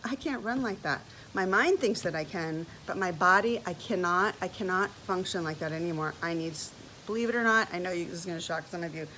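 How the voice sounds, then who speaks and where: A woman's voice: lowish voice, fairly quick, a little hiss or hum, rough recording. Emotional woman in her fifties telling a story. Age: 50s. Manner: animated, emotional storytelling with repeated words. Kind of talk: personal testimony vlog.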